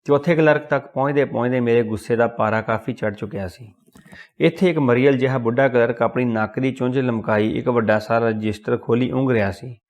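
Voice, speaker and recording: A man narrating a story in an expressive, deliberate reading voice. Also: mid-range voice. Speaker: audiobook narrator.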